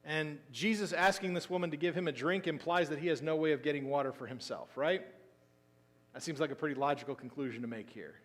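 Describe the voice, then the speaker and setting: A man preaching a sermon as pastor, telling the story with lively emphasis that drops into quiet asides. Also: fairly high pitch, fast talker. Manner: animated storytelling, swinging between loud emphasis and quiet asides. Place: church sanctuary. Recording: long hall reverb.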